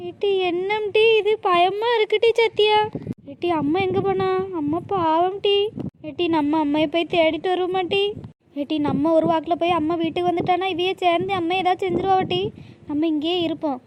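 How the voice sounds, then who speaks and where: A woman's voice: very high-pitched, fairly even intonation, fairly quick, background noise. A woman voicing a frightened young village girl in a cartoon. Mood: scared. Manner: anxious, pleading. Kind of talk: cartoon voice acting.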